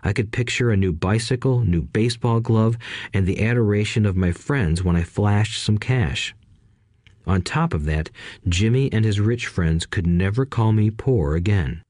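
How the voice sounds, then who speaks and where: A man reads an audiobook in a steady, measured way. His voice sits on the low side. The recording is close and dry, with no room around it. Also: no echo. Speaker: narrator. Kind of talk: audiobook narration.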